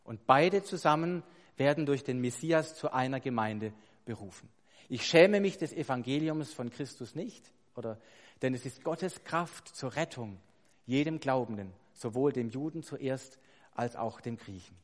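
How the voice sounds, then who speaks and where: A man preaching a sermon, emphatic and building to loud stressed points, putting rhetorical questions to his congregation. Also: medium pitch, animated, a little slow. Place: church hall. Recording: long hall reverb.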